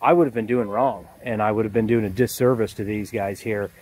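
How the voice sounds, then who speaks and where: A man in his forties, an HVAC technician, stands outdoors in a yard beside an air conditioning unit, casually explaining things to a phone held at arm's length. His voice is fairly low, fairly quick, a little mellow and breathy. The low-quality recording picks up background noise.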